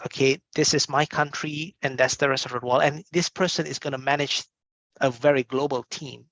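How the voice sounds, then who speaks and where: A man's voice: on the high side, gravelly, fairly bright tone, dry recording. A man from a business school's admissions side, answering interview questions in an emphatic, conversational way and often checking in with "right?". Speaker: admissions representative.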